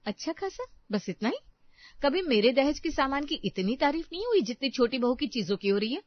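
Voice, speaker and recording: A woman voicing a resentful young elder daughter-in-law in a cartoon family story, complaining in sharp retorts. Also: high-pitched, animated, brisk, no echo. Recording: dry, dull lo-fi voice track.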